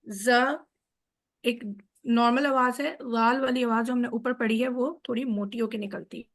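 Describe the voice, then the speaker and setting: A woman's voice: fairly high pitch, steady tone. A woman giving an online lesson on Arabic letter sounds, explaining patiently step by step over a video call. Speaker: Quran teacher.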